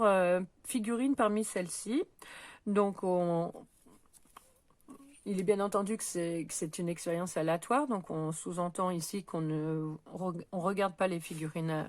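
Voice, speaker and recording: A woman teaching a middle school math lesson, working through probability exercises out loud in a patient, step-by-step way with many small hesitations. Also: on the low side, dry recording. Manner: patient, talks while counting and pointing things out, frequent "euh" and "donc". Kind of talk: recorded lesson, correcting exercises aloud.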